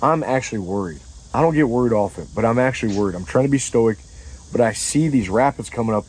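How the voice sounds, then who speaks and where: A man telling a comedic story in casual chat, animated and profane, acting out scenes with sound effects and quoted lines. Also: mid-range voice, quick pace, slightly rough, poor audio.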